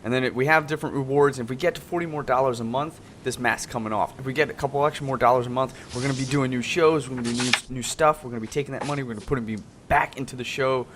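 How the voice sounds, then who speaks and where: A man's voice: racing, hardly any pauses. A man hosting an online panel show in a casual, informal, rambling way over a group call. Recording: noisy, low background rumble.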